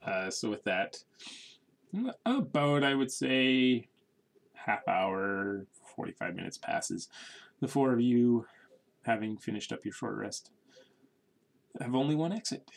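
A man narrating as game master in a casual, halting way, with restarts. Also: mid-range voice, gravelly.

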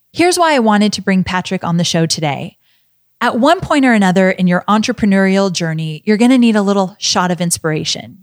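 A woman's voice: mid-range voice, no room sound, studio quality. A woman hosting a podcast, introducing her guest in an upbeat, enthusiastic way before interviewing him. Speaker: podcast host.

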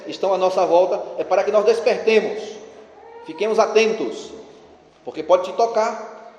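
In a church with long, echoing reverb, a parish priest urges his congregation through an ironic, conversational sermon. His voice sits high and is a little mellow.

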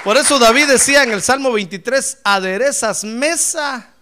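Man, pastor, bright tense voice, fervent sermon, loud exclamations and quiet asides. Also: very high-pitched, brisk, some chatter behind. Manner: repeatedly addresses listeners as "hermano".

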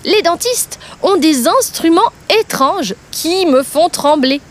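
A woman's voice: very high voice, animated, slow pace, exaggerated voice. A woman voicing a fearful male crocodile with a toothache, in a whiny, wincing voice for a children's storybook. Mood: pained.

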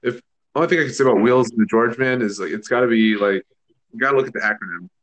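A man's voice: mid-range voice, fast, a bit bright, a little hiss or hum. A man co-hosting a podcast, chatting casually in a laid-back way with dry jokes. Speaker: podcast co-host. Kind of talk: casual chat.

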